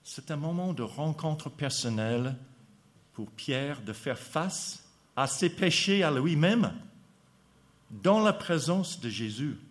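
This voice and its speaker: American guy preaching real slow, lots of pauses and euhs. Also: on the high side, animated. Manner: slow, halting delivery with pauses and fillers. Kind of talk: sermon.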